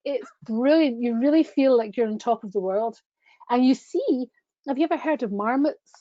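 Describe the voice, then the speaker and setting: Her pitch is a little high and her delivery animated at a moderate pace, recorded dry. She's a middle-aged tour company presenter enthusiastically showing travel slides over a webcam call, chatty and gushing with frequent restarts, all in dull lo-fi call audio.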